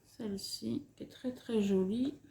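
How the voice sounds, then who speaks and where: A woman whose first language is French casually walks through a craft supply haul, showing items one at a time and correcting herself along the way. Her voice is on the high side, gravelly but mellow, with a steady tone and measured pace. The room is echoey with faint noise.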